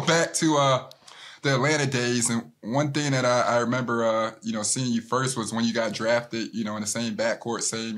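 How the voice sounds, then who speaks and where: A man's voice: mid-range voice, a bit bright. A man in his thirties co-hosting a podcast over a video call, talking in a loose, slangy, laughing way. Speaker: podcast co-host. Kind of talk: casual podcast conversation. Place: hotel room. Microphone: earbuds, video call.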